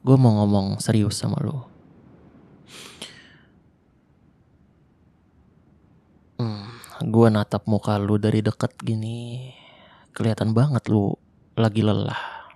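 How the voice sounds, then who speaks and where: Close to the mic, a man softly and tenderly plays a lonely young survivor of the zombie apocalypse for an ASMR roleplay, using casual Jakarta slang and a Jakarta colloquial Indonesian accent. His lowish voice is flat and lightly acted, at normal speed with long pauses, and the recording is dry.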